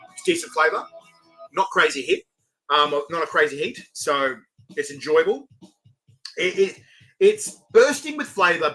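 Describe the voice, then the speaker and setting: Bright-voiced Kiwi man reviewing casually. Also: on the high side, low-quality recording. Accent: New Zealand. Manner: rambling, repeats himself. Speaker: food review host. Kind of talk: casual live review chat.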